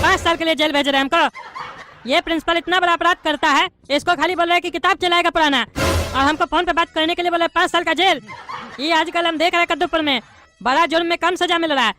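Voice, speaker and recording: A woman voicing a boastful, rude bald male politician in a cartoon comedy, talking loud and indignant. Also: very high voice.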